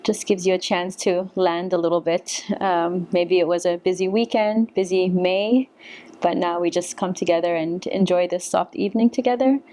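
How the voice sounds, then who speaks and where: A woman's voice: on the low side, fairly even intonation, moderate pace. A woman hosting a talk event, introducing her guest with hesitant uhs and ums. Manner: warm, hesitant, uh and um fillers. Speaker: host.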